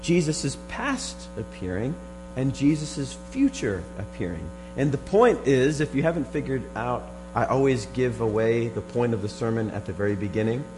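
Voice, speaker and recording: Hoarse, froggy-voiced man preaching. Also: mid-range voice, lively intonation, normal speed, over music, rough recording. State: hoarse, froggy voice from a strained throat. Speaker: preacher teaching a Bible study. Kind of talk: sermon, verse-by-verse teaching.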